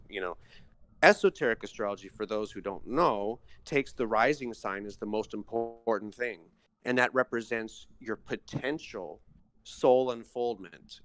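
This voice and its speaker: A man's voice: medium pitch, fairly bright tone, no echo. A man hosting a casual talk, explaining ideas in a thoughtful, philosophical way and often checking in with "you know" and "right.". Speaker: astrologer host. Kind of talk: casual conversational teaching.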